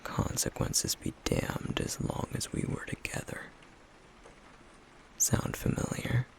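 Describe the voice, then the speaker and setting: In an intimate ASMR roleplay, a man voices a stoic, guarded, wounded flame demon, using a breathy, gravelly near-whisper. His delivery is slow and brooding with a wry, teasing edge, his voice natural and his mood bitter.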